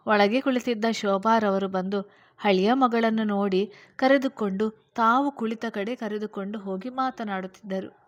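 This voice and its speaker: A woman steadily narrating a serialized novel as the channel's storyteller. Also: mid-range voice.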